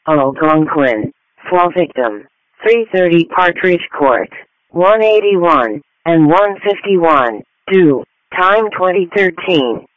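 A male emergency dispatch announcer delivers formulaic call-outs in measured fragments. The voice is high and very unhurried, on a dry, band-limited radio paging channel. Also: no echo. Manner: measured, separated short phrases. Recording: dry, narrow radio transmission.

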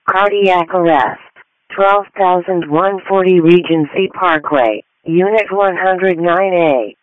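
A man making measured, formulaic emergency dispatcher announcements over a radio. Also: high-pitched, dry recording, narrow, tinny audio. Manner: measured, formulaic call-outs. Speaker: police and fire dispatcher. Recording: dry emergency radio channel audio.

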